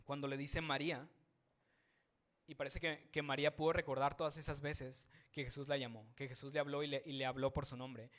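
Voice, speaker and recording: A man's voice: mid-range voice, flat delivery, fast, few pauses, a bit bright. A man preaching a sermon, reading scripture aloud and then explaining it with questions to his listeners. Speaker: pastor.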